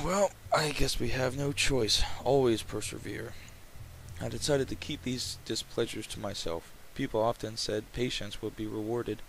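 Male gamer narrator, medium pitch, reading story text with offhand commentary, noticeable background noise. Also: steady tone, normal speed, a bit bright, rough recording. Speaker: let's player reading a visual novel aloud. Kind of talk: reading game text aloud with casual asides. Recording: clear background noise, game ambience.

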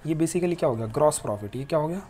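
A man's voice: fairly high pitch, animated, quick pace, darkish tone, a little hiss or hum. A male teacher giving a classroom lecture, explaining patiently step by step, mixing English terms into his explanations and asking rhetorical questions that he answers himself. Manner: asks rhetorical questions and answers them, with frequent tag questions.

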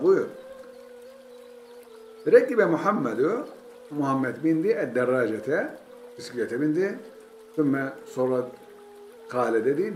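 A man's voice: medium pitch, roomy sound. A man with a Turkish accent teaching an Arabic text, reading each word, then translating and repeating it patiently.

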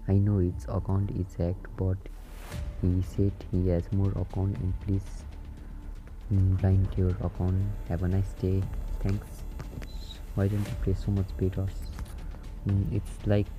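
Teenage boy, from Nepal, hesitant, low flat voice, loud music behind. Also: measured pace. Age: teens. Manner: hesitant, searching for words. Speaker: gaming YouTuber. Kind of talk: casual Q&A over gameplay.

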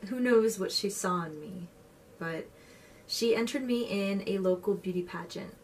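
A woman in her twenties acting a dramatic monologue as a wistful, sorrowful young woman, with a tender, halting delivery. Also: mid-range voice, close to an everyday voice. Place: plain indoor room. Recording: distant mic, faint room noise.

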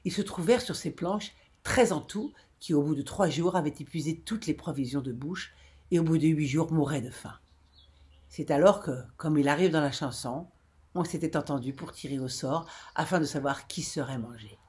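A woman giving a hushed, deliberate literary reading of a fantastic tale. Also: low-pitched. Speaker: reader.

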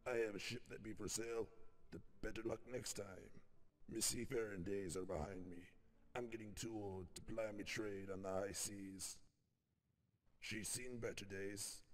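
A man voicing a gruff, hearty old seafarer in a video game, with a stage pirate accent. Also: on the low side, long reverb tail, close to an everyday voice, low-quality recording. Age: older. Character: gruff old male pirate seadog selling his ship. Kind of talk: scripted video game character dialogue.

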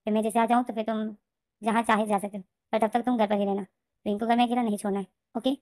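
A woman voicing a gentle middle-aged mother who speaks softly and quietly. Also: fairly high pitch, little pitch movement, fast, dry recording, clean studio sound, lightly acted. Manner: soft, quiet, soothing.

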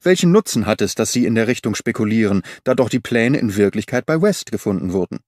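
A man voicing Sherlock Holmes, a sharp detective putting measured, probing questions in an audiobook. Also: lowish voice, lively intonation, no room sound, studio quality, lightly acted.

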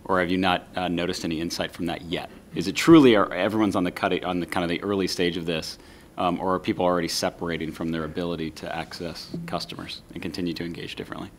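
Fast-talking low-voiced male moderator. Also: fairly even intonation, a little hiss or hum. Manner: asking several questions in a row. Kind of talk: posing questions. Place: lecture hall.

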